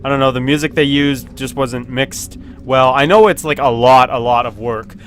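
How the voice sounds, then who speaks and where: A man giving casual, excitable commentary as he plays a video game at his computer, laughing often and yelping when something happens. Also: mid-range voice, moderate pace, slight background noise. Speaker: gaming video host. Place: at home at a computer with webcam.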